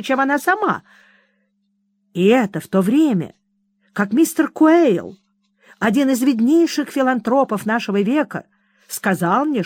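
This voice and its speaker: A woman reading the part of a placid, self-absorbed middle-aged mother who talks calmly and dismissively, in a dry recording. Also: on the high side, no echo, voice pushed up. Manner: serene, calm and dismissive.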